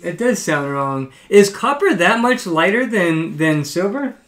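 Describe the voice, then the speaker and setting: Slow, hesitant man hosting a live stream. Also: sits high, sing-song, fairly bright tone. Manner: slow and hesitant, many ums and restarts. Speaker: live stream host selling coins. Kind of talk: casual live stream chat.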